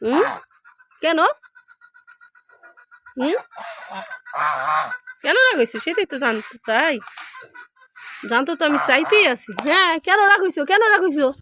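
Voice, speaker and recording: A woman talks gently to a hen, asking the same questions again and again in a soothing way. She is outdoors in a farmyard. Chickens cluck behind her, and the recording has clear background noise. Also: high-pitched, expressive, unhurried, long pauses. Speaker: poultry keeper. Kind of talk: coaxing talk to a hen.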